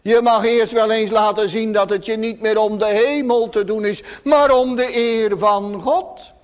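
A man's voice: sits high, fairly even intonation, measured pace, voice pushed up. A man voicing a sly, scheming devil who tempts and mocks churchgoers. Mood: mocking. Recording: long church reverb.

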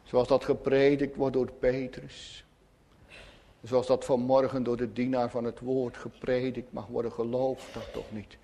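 A man's voice: medium pitch, level tone, unhurried, dark tone, voice pushed down. A man voicing a sly, scheming devil who tempts and mocks churchgoers. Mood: mocking. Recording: long church reverb.

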